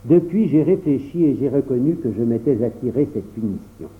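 A man reading a classic storybook aloud in the first person, with expressive storytelling. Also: mid-range voice, a little fast. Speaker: audiobook reader. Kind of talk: storybook narration. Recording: tinny phone-like audio.

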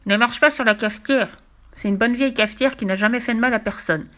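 In a storybook reading, a woman voices Fifi, a bold, mischievous young girl adventurer, in a fairly high, bright, pushed voice at a quick pace. The mood is playful, and she sounds cheeky and boastful.

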